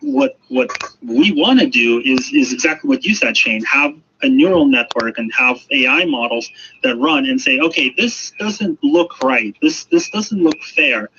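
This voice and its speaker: Through sound that is muffled and noisy like a radio broadcast, a man with a mid-range, pushed, bright voice is interviewed as an expert. He explains emphatically and frequently repeats phrases to stress them.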